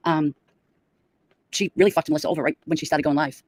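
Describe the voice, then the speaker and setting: A woman's voice: low-pitched, steady tone, quick pace, dry recording. A middle-aged woman chatting casually and giving opinionated gossip on a livestream.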